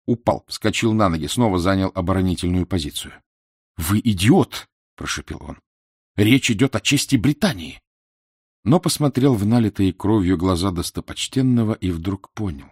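A man reading a literary novel aloud as an audiobook narrator, in a measured, dramatic storytelling manner. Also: low voice, a little mellow, slightly rough, dry recording, clean studio sound.

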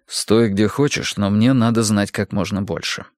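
A man reading an audiobook, voicing a calm, serious detective who speaks steadily and firmly. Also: lowish voice, normal speed, no echo, clean studio sound, natural voice.

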